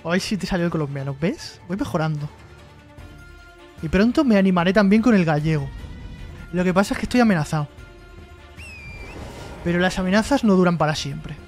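Man, high voice, live-stream host, jokey reading chat aloud, light music in the background. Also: lively intonation, fairly quick, pauses often, a little mellow. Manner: joking, reads chat messages aloud and replies.

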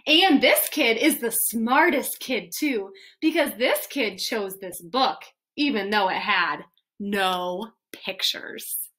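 A woman's voice: fairly high pitch, slow pace, sharp tone. A woman teacher reading a picture book aloud to children with playful, mock-dismayed reactions.

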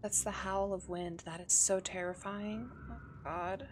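A woman's voice: mid-range voice, fairly even intonation, normal speed, noisy background. A woman streaming a horror game live, jumpy and profane, exclaiming and gasping often. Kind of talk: live gaming stream commentary.

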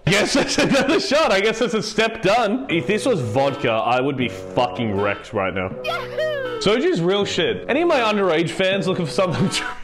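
A young man hosts a home cooking video, tipsy and giggly. His fairly high voice swings widely as he rambles and swears, with music playing behind him. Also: sing-song, fairly quick, fairly bright tone. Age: young adult. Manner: sweary, exclamatory. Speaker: host of a comedy cooking video. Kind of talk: casual chat to camera while cooking. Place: home kitchen.

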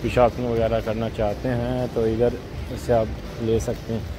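A man's voice: medium pitch, level tone, normal speed. A man vlogging as he walks through a big airport terminal, chatting casually and pointing out shops and airlines. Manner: casual, conversational, pointing things out. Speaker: travel vlogger. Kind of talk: walking tour narration. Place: large airport terminal, indoors. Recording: noisy airport terminal background.

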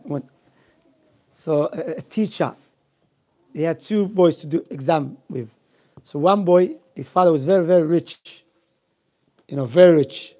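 A slightly high, dark-toned male voice belongs to a young teacher running an informal Islamic session. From a small library room, he shares stories and asks quiz questions in non-native English with Arabic terms, close up on a gooseneck microphone.

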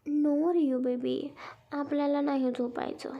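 A woman's voice: sits high, little pitch movement, unhurried, creaky, highs cut off. Woman putting on a tipsy childish young woman. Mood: babyish.

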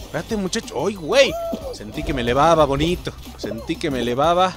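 A young man with a Mexican accent giving excitable live gameplay commentary, swearing and shouting at the game. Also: on the high side, brisk, over music. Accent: Mexican Spanish. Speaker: gaming YouTuber.

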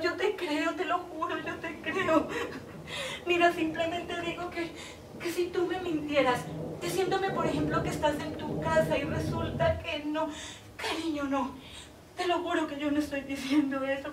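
Brief: actress playing a desperate jilted woman on a phone call, high voice, stage echo heard from afar. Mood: pleading. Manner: emotional, swings between tender pleading and desperate outbursts. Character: heartbroken woman pleading with her departing lover by phone. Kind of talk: stage monologue acting. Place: theater stage. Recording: echoey stage from far off, audible noise.

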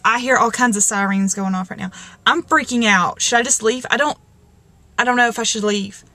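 A young woman sits in her parked car and talks into a handheld camcorder, her voice a touch high. She rambles and restarts, shaken and nervous after a scare. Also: steady tone, brisk, sharp tone, no room sound. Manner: rambling and jittery, many fillers and restarts. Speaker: vlogger. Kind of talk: casual vlog in a parked car.

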